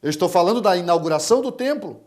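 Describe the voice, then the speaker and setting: A middle-aged Brazilian man preaching a sermon as pastor, swinging from hushed, low-key passages to loud, impassioned ones. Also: expressive, fast. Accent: Brazilian Portuguese.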